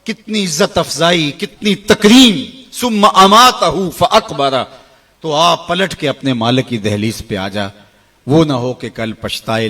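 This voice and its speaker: This middle-aged preacher's emotional sermon rises to loud, soaring cries and sinks into quiet lows. He chants the verses at a slow pace.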